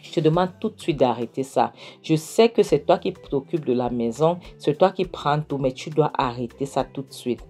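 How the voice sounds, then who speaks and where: A woman's voice: deep voice, lively intonation, normal speed, few pauses, mellow, breathy edge, faint music behind. Woman voicing a jealous accusing husband. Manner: accusing, pleading questions with tag "hein?".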